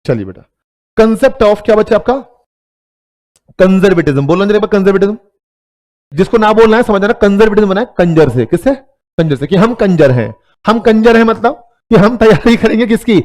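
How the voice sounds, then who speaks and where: In this classroom lecture, a man with an Indian accent teaches an accounts class, switching between Hindi and English, joking with his students and calling them "beta." His voice is high-pitched and darkish in tone, with lively intonation and a normal pace.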